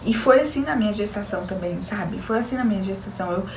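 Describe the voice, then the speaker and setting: Talking fast in a medium-pitched, slightly mellow voice, a young new mother from Brazil gives her viewers an earnest, emotional testimony in a Brazilian Portuguese accent. Her room is echoey, with slight background noise.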